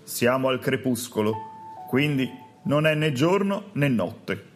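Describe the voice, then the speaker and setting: A man as a gallant town judge, courteous, measured and slow, storybook role. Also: mid-range voice, lively intonation, soft background music, natural voice. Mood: admiring. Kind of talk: audiobook character voice.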